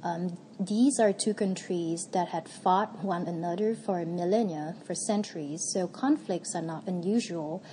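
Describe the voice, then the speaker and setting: A woman's voice: on the low side, unhurried, hardly any pauses, mellow, slight background noise, rough recording. A woman from Vietnam, a policy researcher, answering interview questions thoughtfully with frequent ums and restarts.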